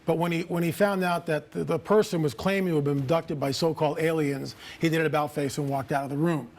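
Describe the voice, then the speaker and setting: A man's voice: a little high, fairly even intonation, quick pace, a little mellow. A man speaking as a guest on a TV interview, telling stories with confident, emphatic statements. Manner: confident storytelling, emphatic, declarative.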